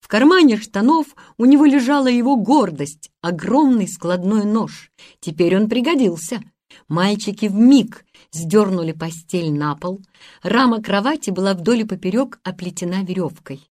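Expressive woman reading a storybook. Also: mid-range voice, moderate pace. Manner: expressive, acting out voices. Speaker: narrator.

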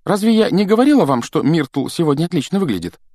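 A man voicing an earnest schoolgirl who speaks in a hurried, eager, forced-cheerful way in a storybook reading. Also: on the high side, big pitch swings, darkish tone, dry recording, voice pushed up.

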